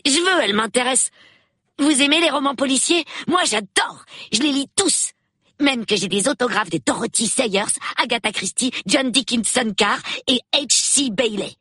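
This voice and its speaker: A man's voice: very high voice, sharp tone, husky, no room sound, studio quality, voice pushed up, exaggerated voice. A man voicing an eager, chatty boy of about nine in a storybook reading. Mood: excited. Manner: eager, rapid, gossipy.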